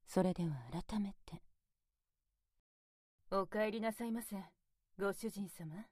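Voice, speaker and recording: A woman voicing a devoted, high-ranking demon butler in a whispered ASMR roleplay, speaking with extremely polite, servile formality into a close binaural mic. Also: slow, long pauses, darkish tone, no room sound. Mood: doting. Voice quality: breathy whisper. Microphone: close binaural mic, left and right ears.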